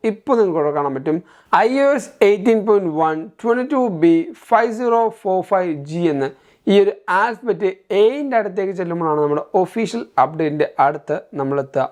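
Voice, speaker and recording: Here a Malayali-accented tech reviewer narrates a tutorial with a high, darkish voice at a slightly quick pace. His hosting feels scripted and explanatory, moving step by step and weaving in English terms.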